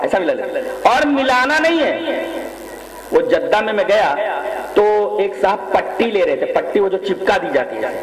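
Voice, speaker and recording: A man with a Pakistani Urdu accent preaching a lively sermon, reciting Arabic and explaining it. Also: sits high, reverberant, poor audio.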